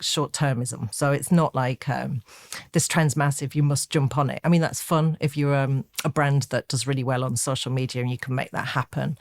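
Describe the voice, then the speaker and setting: A woman's voice: a bass voice, darkish tone, no echo, studio quality. A woman, a guest on a podcast, talking in a chatty, upbeat way with plenty of fillers and asides. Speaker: guest, advertising executive. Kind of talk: casual podcast interview.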